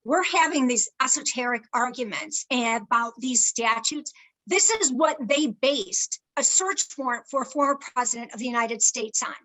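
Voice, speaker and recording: A woman's voice: a little high, moderate pace, sharp tone, poor audio. A woman speaking as a legal panelist in an online discussion, emphatic and rhetorical. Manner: emphatic, rhetorical, quotes imagined voices.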